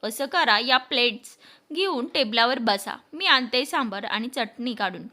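A woman's voice: on the high side, expressive, unhurried, pushed and bright. A woman voicing a kind older mother-in-law who scolds and dotes at once. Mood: doting. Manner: scolding yet doting.

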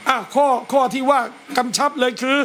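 A man, a religious teacher, gives a lively lecture at a home gathering, talking straight to his listeners. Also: very high-pitched, brisk, slight background noise. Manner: lively, talks straight to listeners and acts out scolding parents.

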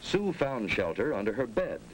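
A man's voice: mid-range voice, very animated, normal speed. An American man giving grave, authoritative narration for a 1950s civil defense instructional film. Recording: noisy old 1950s film soundtrack.

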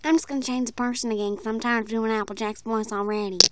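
A woman's voice: fairly high pitch, fairly even intonation, quick pace, very noisy. A young woman vlogging casually, rambling and self-deprecating, often trailing off. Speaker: cosplay vlogger. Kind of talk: casual vlog chat.

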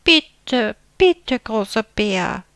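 A woman voicing a small, eager young bear cub in a storybook, with high, bright, childlike calls. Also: big pitch swings, unhurried, no echo. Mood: eager pleading.

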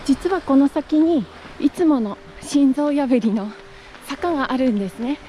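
A woman's voice: sits high, expressive, a little slow, mellow, a little hiss or hum. A young woman casually narrating her run on a country road into a body-worn camera, chatty and giggling often. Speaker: vlogger. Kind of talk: casual running vlog narration. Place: outdoors on a country road while running. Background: music.

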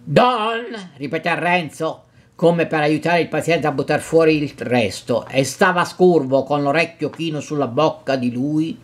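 Italian man reading a classic novel. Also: fairly high pitch. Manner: measured reading with occasional slips and restarts. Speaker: narrator.

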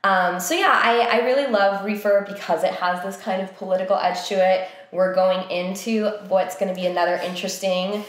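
A woman's voice: mid-range voice, fairly even intonation, normal speed, few pauses. A young woman, a theatre company co-founder and director, talking casually and thinking aloud with lots of fillers. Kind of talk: casual conversation. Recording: very echoey room.

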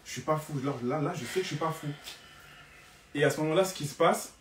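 A young man tells a story live with dramatic, animated delivery, piling up repeated phrases for emphasis. His voice sits a little high, and he sounds set back from the mic in an echoey room with faint noise behind him. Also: quick pace. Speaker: live streamer telling a story. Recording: roomy, distant from the mic.

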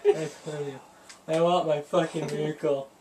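A man's voice: a little high, steady tone, moderate pace, warm tone. A young man in casual, sweary gaming banter, complaining in exasperation from a couch indoors. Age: teens or young adult. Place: small room indoors on a couch. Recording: noisy, distant room recording.

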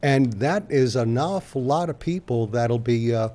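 An older man giving public comment at a city council podium microphone, talking conversationally with many halting pauses. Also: medium pitch, dark tone.

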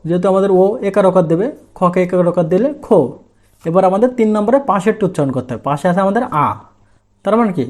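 A man with a high voice teaches a language lesson. He explains each step slowly and in order. He often asks a question and then answers it himself. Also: a little mellow.

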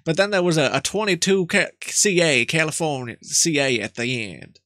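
Guy doing flustered old country man for a prank call, high voice, stutters and rambles. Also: normal speed, pushed and bright, no room sound. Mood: flustered, folksy. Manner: stammering, rambling, repeats words. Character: flustered, folksy rural old man computer novice.

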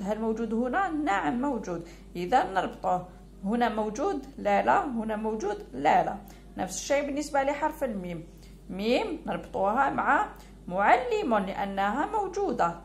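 Algerian teacher woman, gravelly and high. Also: slight background noise. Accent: Algerian Arabic. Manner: drawls out key words slowly and clearly. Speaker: primary school teacher. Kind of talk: lesson walkthrough for pupils.

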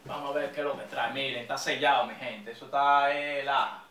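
Bright-voiced Dominican young man in an echoey room. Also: mid-range voice, fairly even intonation, a little fast. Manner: rowdy, joking, slangy. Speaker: vlogger. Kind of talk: casual street-slang vlog. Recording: echoey room, mic a bit distant.

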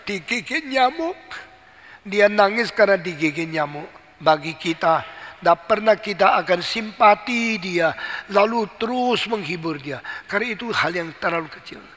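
A man's voice: sits high, moderate pace, fairly bright tone. A man preaching a sermon as pastor, emphatic and repetitive, asking rhetorical questions. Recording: long hall reverb.

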